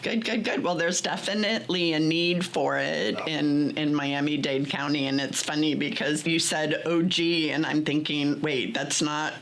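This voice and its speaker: Role: podcast host. Style: interview. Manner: friendly, joking asides. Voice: gravelly with vocal fry, middling pitch. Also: steady tone, a little slow, few pauses, a bit bright.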